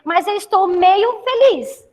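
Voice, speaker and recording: A woman's voice: very high-pitched, animated, slow, a little mellow. A woman with a Brazilian Portuguese accent teaching a Portuguese class, affectionate with her students and often checking that they follow. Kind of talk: online class lesson. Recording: long reverb.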